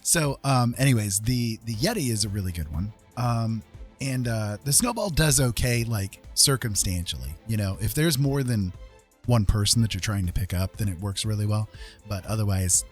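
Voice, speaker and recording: Speaking at a normal speed in a lowish voice, an ex-radio host chats with his stream audience in a relaxed, rambling, informal way, with music underneath.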